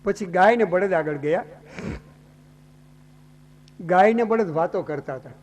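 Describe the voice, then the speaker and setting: A man's voice: sits high, a little slow. A man from Gujarat narrating a devotional scripture story as a sermon, dramatic and full of rhetorical questions. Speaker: Bhagavata katha speaker.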